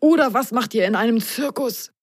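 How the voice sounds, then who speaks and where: A woman's voice: on the high side, expressive, normal speed, breathy edge, voice pushed up. A woman voicing a showy male circus magician in a children's story, calling out theatrically. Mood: puzzled. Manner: loud, theatrical spell-calling.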